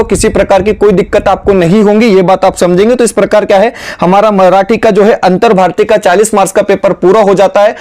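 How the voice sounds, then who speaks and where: A man's voice: high voice, darkish tone. A man teaching an exam-prep lesson to students, explaining step by step and often slipping in filler phrases.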